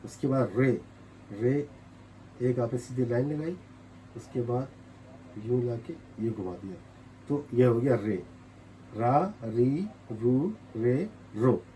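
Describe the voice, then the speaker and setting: A man with a Pakistani Urdu accent walks through a writing lesson step by step. He repeats each sound slowly and patiently as he writes it out. His voice is warm and mellow, at a middle pitch. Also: animated, a little hiss or hum, poor audio. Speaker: language teacher.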